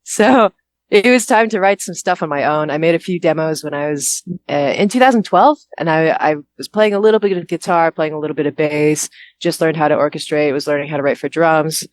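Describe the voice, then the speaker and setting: Low-voiced and fairly quick, a young musician and vocalist from Houston, Texas, takes an interview call while on a bus. The chat is casual, and she's often self-deprecating.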